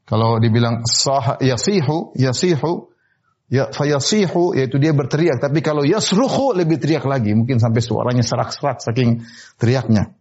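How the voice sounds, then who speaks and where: A man giving a sermon on Quran verses, explaining Arabic word forms slowly with many repetitions and rising sharply in pitch to stress a point. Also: darkish tone, breathy edge. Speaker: Islamic preacher. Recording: slightly dull, muffled recording.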